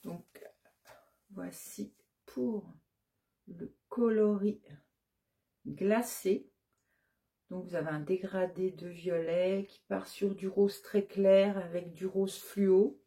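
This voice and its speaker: A woman presenting her shop's new yarn colors in a relaxed show-and-tell. She talks slowly and hesitantly, listing shade after shade with plenty of fillers, in a dark, mellow voice at a middle pitch. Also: creaky. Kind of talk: casual product show-and-tell.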